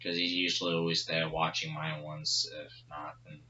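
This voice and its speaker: A man's voice: rumbling low, flat delivery, moderate pace, sharp tone, a little hiss or hum. A man co-hosting a casual gaming podcast, rambling and swearing freely, often restarting his sentences. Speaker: podcast co-host. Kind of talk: casual chat. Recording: dull lo-fi podcast audio.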